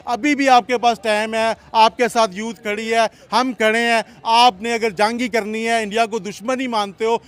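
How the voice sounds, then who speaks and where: A man's voice: very high voice, fairly even intonation, normal speed, hardly any pauses, fairly bright tone, clear, resonant tone. A man with a Pakistani Urdu accent, giving an impassioned opinion full of rhetorical questions. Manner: impassioned, rhetorical questions, repeats "theek hai?". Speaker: interviewee. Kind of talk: heated street opinion.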